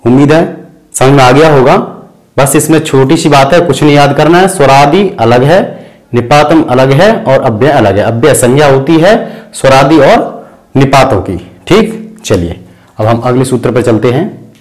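A man at a middle pitch teaches a grammar lesson patiently. He stops often to check that the class is following. He slows down and softens his voice to recite each rule. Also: expressive, low-quality recording. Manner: patient, breaks terms into parts, many fillers and "thik hai"; chants sutras slowly and softly. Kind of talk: explanatory lesson.

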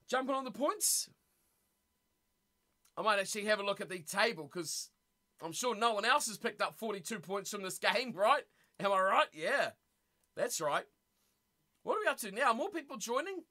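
With a high-pitched, bright, forceful voice, a man with a New Zealand accent chats casually on his rugby watch-party live stream. He reads messages from chat aloud, teases his viewers, and laughs a lot.

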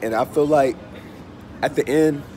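A man in his thirties with a congested, stuffy nose, under the weather, chatting casually to his phone as a travel vlogger, unhurried and repeating phrases. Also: on the high side, warm tone. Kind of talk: casual chat to camera. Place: open-fronted hostel bar or cafe. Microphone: phone held at arm's length. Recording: noisy open-air cafe with traffic. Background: street and vehicle ambience.

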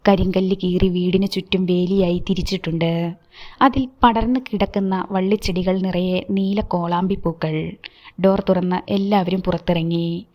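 A woman narrating a novel in a measured, expressive storytelling voice. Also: lowish voice, muffled recording. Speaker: audiobook narrator.

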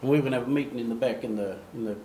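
An older man gives a lively storytelling presentation with slides from a lectern, talking rapid-fire at an average pitch, gesturing and acting out the voices he quotes. A far camera records him across an echoey meeting room, with faint room ambience and slight background noise.

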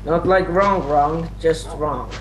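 Giggly gamer, slow and meandering, slightly high voice, noisy voice-chat recording. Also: male voice. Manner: rambling, giggly, trails off. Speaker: game player. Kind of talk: casual gaming chat.

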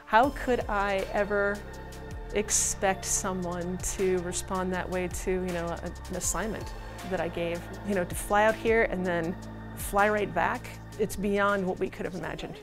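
A woman teacher in a documentary interview, speaking in a thoughtful, measured way. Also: mid-range voice, steady tone, music in the background.

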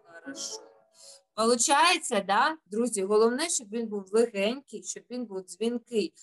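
A woman's voice: on the high side, normal speed, fairly bright tone, faint music behind. A woman vocal teacher leading a children's singing lesson, patient and encouraging, using diminutives and checking in with a questioning "right?".

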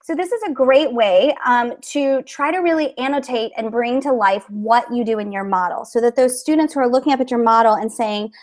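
A woman with a fairly high voice talks fairly quickly with few pauses. She's a teacher giving a screen-share conference talk to other educators, friendly and full of fillers as she explains her methods.

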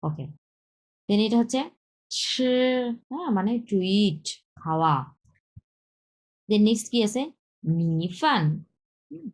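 A woman teaches a beginner Chinese lesson, repeating words slowly and mixing in English terms. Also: medium pitch, sing-song, a little mellow, rough recording. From Bangladesh. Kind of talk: slow explanatory lesson with drilled pronunciation.

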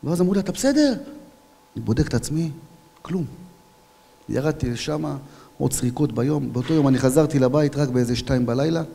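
A young police officer tells his story at an event, his voice dark and mellow with a long hall reverb trailing behind it. He tells it with animation and bursts into shouted dialogue as he acts out each scene. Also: medium pitch, creaky, slight background noise. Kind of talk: personal testimony at a public event.

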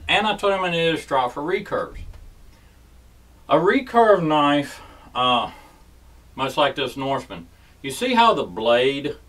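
A man's voice: mid-range voice, fairly bright tone, far from the mic, low-quality recording. A man hosting a casual how-to demonstration, folksy and often checking in with "okay?". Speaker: host. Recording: voice set back from the mic.

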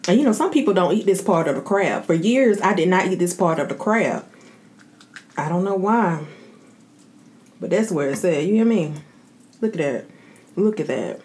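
A woman chats casually as a mukbang host, savoring her food and talking between bites with drawn-out mms. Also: on the low side, animated, a little mellow. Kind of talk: casual eating chat. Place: indoor home setup with plain backdrop.

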